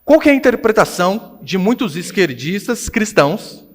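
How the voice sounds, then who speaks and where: A Brazilian pastor, a man, delivers a sermon with a Brazilian Portuguese accent. His voice sits slightly high for a man and moves between hushed remarks and loud, emphatic lines. A long hall reverb trails each phrase. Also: moderate pace. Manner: animated preaching, swinging between hushed and loud. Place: church hall.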